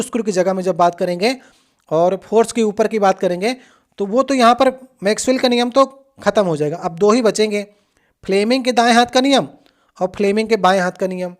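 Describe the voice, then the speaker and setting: A coaching teacher patiently talking through past exam questions, addressing the students directly and often checking in with them. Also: mid-range voice.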